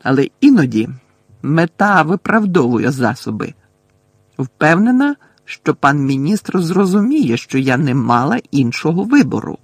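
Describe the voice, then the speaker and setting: Guy doing a nasty sweet-voiced lady professor, slow, gloating, breathy, raspy, dry sound. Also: on the high side, big pitch swings, dry recording, heavily acted. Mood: menacing. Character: cruel sugary middle-aged woman professor.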